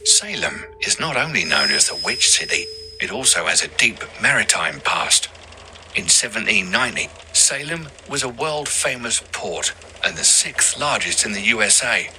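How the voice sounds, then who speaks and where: A man's voice: fairly low pitch, animated, normal speed, pushed and bright, a little hiss or hum. A man narrating a scripted audio ghost tour as the guide, with theatrical, ominous storytelling over music.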